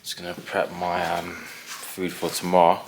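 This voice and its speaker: Very deep-voiced young man. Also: monotone, moderate pace, noisy background. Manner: laid-back, rambling with fillers. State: tired from work. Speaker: vlogger. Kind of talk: casual vlog chat.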